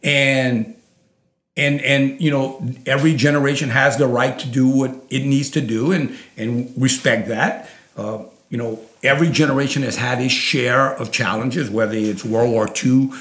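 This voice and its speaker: A man's voice: mid-range voice, a bit bright, echoey room. A man with a thick Louisiana Cajun accent, making his case in a conversational interview, emphatic and repeating phrases for weight. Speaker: interview guest, oil industry advocate. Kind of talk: conversational interview, persuasive explaining.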